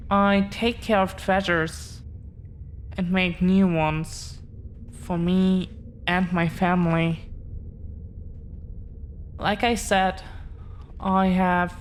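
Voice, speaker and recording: In an intimate audio roleplay, a woman voices an affectionate, protective girlfriend with dragon blood. She speaks earnestly at a medium pitch, with halting, deliberate pauses and slight background noise.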